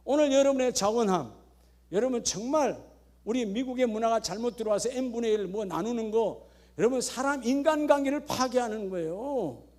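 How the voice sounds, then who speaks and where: High-voiced Korean pastor, emphatic sermon. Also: male voice, lively intonation, moderate pace. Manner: emphatic, scolding, with rhetorical questions to the congregation; swings between loud exhortation and hushed storytelling. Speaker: senior pastor. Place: church worship service.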